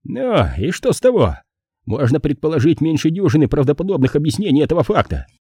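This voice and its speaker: A man voicing a nervous, shrill little male police officer who is easily offended, in an audiobook reading. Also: sing-song, fairly quick, warm tone, husky, no room sound, clean studio sound, full character voice. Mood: indignant. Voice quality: shrill, shrieking. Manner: prim, indignant, easily offended.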